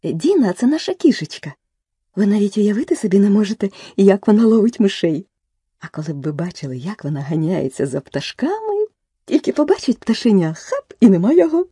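Woman doing a polite curious little girl for an audiobook, husky half-whisper, dry close sound. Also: medium pitch, sing-song, fairly quick, no room sound. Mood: eager. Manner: soft breathy half-whisper, earnest. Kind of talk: audiobook reading.

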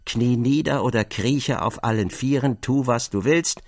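Man reading as a weary disdainful accused man, dismissive, gravelly, audiobook. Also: mid-range voice, measured pace, no echo, studio quality.

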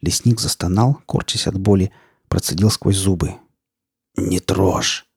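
A man reading an audiobook as narrator, in a tense, gritty storytelling manner with steady, measured delivery. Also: deep voice, husky, no room sound, studio quality.

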